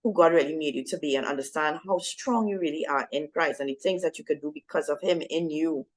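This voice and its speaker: A woman's voice: low-pitched, a little fast, rough recording. A young adult woman telling her personal faith story to a women's group, conversational and often checking in with her listeners. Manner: conversational, with frequent fillers and "right?". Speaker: speaker at a women's ministry talk. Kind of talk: personal testimony to a women's audience.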